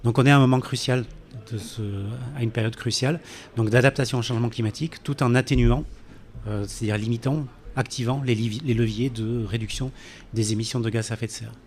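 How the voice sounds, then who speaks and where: A man's voice: medium pitch, fairly even intonation, quick pace, a little hiss or hum. Hesitant French scientist man, public talk. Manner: hesitant, many fillers and restarts. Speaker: climate scientist speaker. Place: café event room. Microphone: handheld mic, drifting off it.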